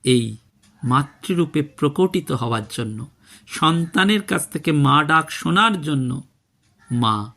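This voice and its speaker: Slow, gravelly Bengali man giving devotional talk. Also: medium pitch, fairly bright tone. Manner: slow, measured, devout storytelling with quoted dialogue. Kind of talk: reflective spiritual talk.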